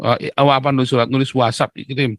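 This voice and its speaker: Indonesian pastor firing off rhetorical questions. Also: male voice, mid-range voice, fast, dry recording. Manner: animated, keeps asking rhetorical questions and answering them; teasing, laughing. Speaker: pastor and YouTuber. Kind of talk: casual monologue to viewers. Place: Netherlands.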